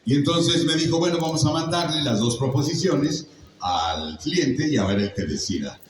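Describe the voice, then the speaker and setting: A man's voice: a little high, animated, moderate pace. An older man with a Mexican accent tells stories to a live audience in a chatty, joking, teaching way. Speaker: voice actor guest on a convention panel. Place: large echoey convention hall. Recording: echoey hall, voice from far off.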